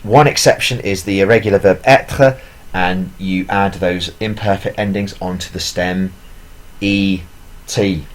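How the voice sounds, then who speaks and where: Lowish male teacher voice, patient explanatory tone, plenty of fillers. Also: fairly even intonation, unhurried. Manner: explanatory, with fillers and self-corrections. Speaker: language teacher. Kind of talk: recorded language lesson.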